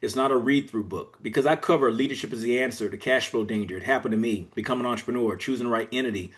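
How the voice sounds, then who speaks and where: A man from Georgia in the US talks fast in a medium-pitched voice as a guest on a podcast interview. An executive coach, he earnestly explains things one step at a time.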